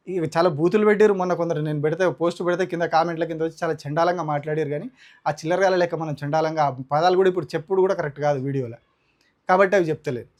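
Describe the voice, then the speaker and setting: High-voiced Telangana man ranting. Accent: Telangana Telugu. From Telangana, India. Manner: indignant, combative, rhetorical. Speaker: political commentator. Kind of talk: heated opinion commentary.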